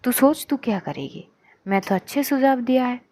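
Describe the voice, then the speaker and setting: Woman voicing a bossy young woman friend, pushy, insistent, higher voice. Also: animated, normal speed, darkish tone.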